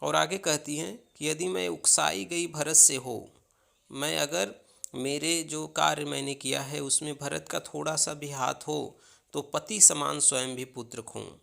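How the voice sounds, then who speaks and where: A man teaches a poetry lesson at an unhurried pace. His voice has a gravelly edge and a bright, forceful tone. He reads each verse aloud and then explains it line by line. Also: on the high side. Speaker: Hindi literature teacher.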